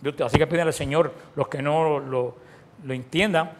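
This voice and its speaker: A man delivers a sermon, posing questions to his listeners and answering them himself. He often restarts phrases and shifts between loud and soft, with a slightly high voice, fairly even intonation, and normal speed.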